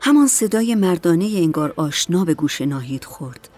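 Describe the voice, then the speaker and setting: A woman reads a story aloud as an audiobook, calm and measured. Her voice sits on the low side, with faint music running softly behind. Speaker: narrator. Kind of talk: audiobook narration.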